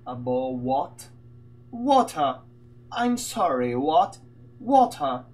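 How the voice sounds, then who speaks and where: A man voicing a caricatured man who asks for water with exaggerated, drawn-out pronunciation. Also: a little high, big pitch swings, a little mellow, voice pushed down, exaggerated voice. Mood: mocking.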